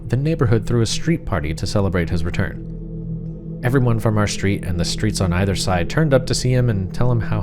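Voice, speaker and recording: A man narrating a horror story in the first person as a frightened, suspicious wife, confiding and uneasy, with deliberate pauses. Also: fairly low pitch, natural voice. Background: music.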